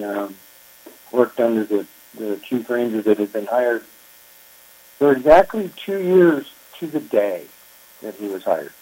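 A man's voice: fairly low pitch, mellow, low-quality recording. Older man recalling ranger days. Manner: unhurried, reflective storytelling with frequent pauses. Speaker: retired park chief ranger. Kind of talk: oral history interview.

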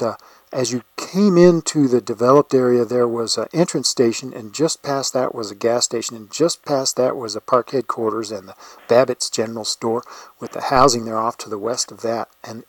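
A man conducting an informal oral history interview, with hesitant, pausing phrasing. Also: mid-range voice, no room sound, poor audio.

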